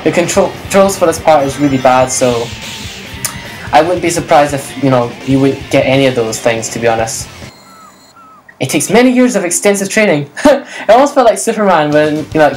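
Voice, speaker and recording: Low-voiced woman rambling over gameplay. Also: darkish tone, low-quality recording. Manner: rambling, self-correcting, chatty. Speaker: let's play commentator. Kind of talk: casual gameplay commentary. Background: faint game music.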